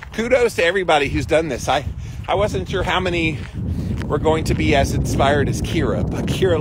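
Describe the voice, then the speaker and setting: A man with a fairly high voice hosts a casual livestream for his daily ice bath challenge, reading viewer comments aloud and answering them in an encouraging, emphatic, colloquial manner. The recording is very noisy.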